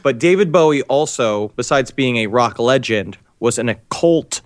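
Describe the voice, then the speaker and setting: Rambling, laughing podcast host, dry sound. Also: male voice, medium pitch, animated, normal speed, dry recording. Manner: rambling, laughs often, acts out quotes. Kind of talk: casual comedic chat.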